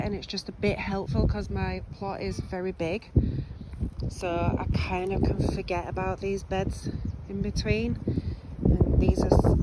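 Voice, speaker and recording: Heavy background noise surrounds a lowish-voiced woman touring her allotment outdoors in a casual vlog. Sniffly from a cold, she chats in a scattered way with plenty of ums and restarts.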